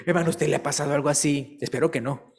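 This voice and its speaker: Man, preacher, casual sermon, jokes and questions to the congregation, slightly raised pitch. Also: fairly even intonation, quick pace, gravelly. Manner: chatty, asks listeners questions and tells jokes. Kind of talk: conversational sermon.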